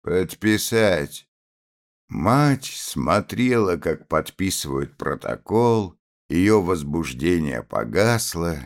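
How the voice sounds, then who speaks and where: A man narrating an audiobook of a classic novel in a measured, expressive reading. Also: deep voice.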